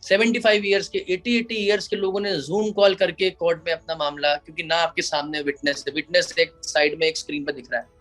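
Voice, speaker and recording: A man's voice: on the high side, fairly even intonation, brisk, few pauses, fairly bright tone, faint music behind. A man who is an advocate, answering interview questions in an explanatory way and slipping English phrases into his Hindi. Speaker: advocate and IP lawyer.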